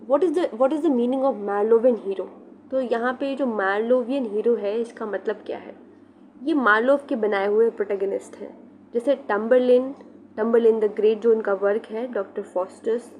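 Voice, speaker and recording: Woman teacher, fairly high voice, repeats key terms, faint hiss. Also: darkish tone. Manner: explains step by step, repeats key terms, mixes in English. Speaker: literature teacher. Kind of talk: exam-prep lecture.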